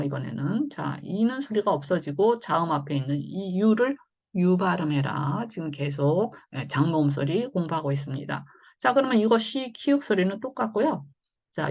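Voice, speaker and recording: Gravelly-voiced woman teaching phonics. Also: on the low side, a little mellow, lo-fi sound. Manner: patient, explains slowly with many fillers. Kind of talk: online phonics lesson.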